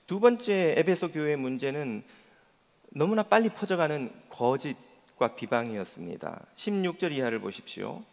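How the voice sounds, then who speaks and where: A man's voice: on the high side, sing-song, moderate pace, gravelly, darkish tone. A male pastor preaching a Sunday sermon in earnest, putting rhetorical questions to the congregation. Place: church sanctuary. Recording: long church reverb.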